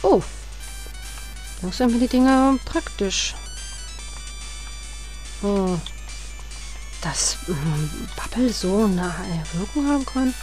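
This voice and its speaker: A woman's voice: medium pitch, animated, slow, long pauses, darkish tone. A woman in her thirties talking chattily through a video game, reminiscing and cursing at the game. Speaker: let's player. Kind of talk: casual gameplay commentary. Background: faint game music.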